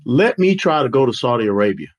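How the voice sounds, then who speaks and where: A man's voice: mid-range voice, sing-song, fast. A man hosting political commentary, talking in a folksy, joking way with mocking asides. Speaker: host and executive director.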